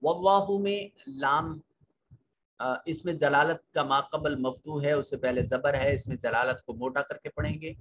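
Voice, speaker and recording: A man with a Pakistani Urdu accent teaching a recorded Quran lesson, patiently explaining tajweed rules and slowly reciting verses. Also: mid-range voice, fairly even intonation, fairly bright tone, a little hiss or hum.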